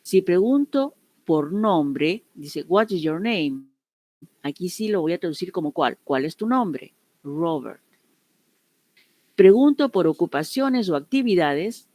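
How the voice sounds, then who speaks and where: A woman's voice: lowish voice, darkish tone, no room sound. A woman English teacher explaining grammar to her students, patiently repeating each example and often checking that they have understood. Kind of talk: online class explanation.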